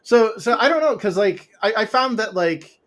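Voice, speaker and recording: The voice is high-pitched and expressive, somewhat bright, at a normal speed, belonging to a man in his forties or fifties who writes comics. As an interview guest on a home podcast mic with a pop filter, he talks in a loose, rambling way with lots of fillers, restarts and laughs.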